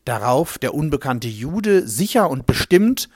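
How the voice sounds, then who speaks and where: A humble swineherd recounts his story with a lively, rising and falling voice, as a man plays him. He tells it in a reflective, vivid monologue. The recording is dry and close, with no room sound. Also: fairly high pitch, unhurried, slightly rough, no room sound, heavily acted. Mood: thoughtful. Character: humble male swineherd recalling a strange day. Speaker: first-person narrator.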